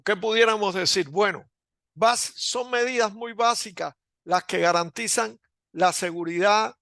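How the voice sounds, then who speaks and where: A man delivers a recorded lecture in a fairly high, gravelly voice with a bright edge. He speaks slowly and deliberately, pausing often and restarting phrases. The sound is dry and close. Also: no echo. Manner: slow and deliberate with frequent hesitations.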